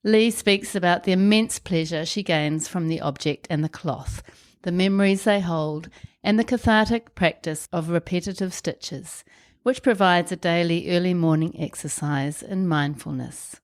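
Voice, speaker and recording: A congested woman with a New Zealand accent and a croaky, wheezy, blocked-up voice, hosting a podcast. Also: on the low side, moderate pace. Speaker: podcast host. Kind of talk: podcast introduction and interview chat.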